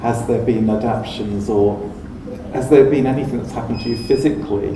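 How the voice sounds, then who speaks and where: A man's voice: medium pitch, fairly even intonation, fairly quick. Man speaking in an echoey fair hall. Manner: joking, thoughtful questions. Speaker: ceramic artist. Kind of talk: live panel Q&A. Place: large art fair hall. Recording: echoey hall from far off, background noise.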